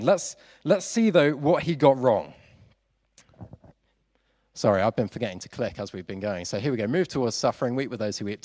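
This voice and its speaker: A man preaching a sermon with animated emphasis that lifts on his key points. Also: medium pitch. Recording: long hall reverb.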